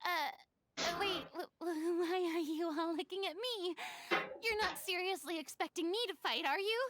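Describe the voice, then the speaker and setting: An actress voicing a proud, theatrical young former goddess in a game, talking with dramatic bluster. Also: female voice, extremely high pitch, normal speed, a bit bright. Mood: flustered.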